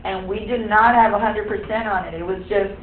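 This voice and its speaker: A woman's voice: mid-range voice, fairly even intonation, fairly quick, a little hiss or hum. A woman teaching a class, explaining step by step and quizzing the students. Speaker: high school algebra teacher. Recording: echoey room, tinny phone-like sound.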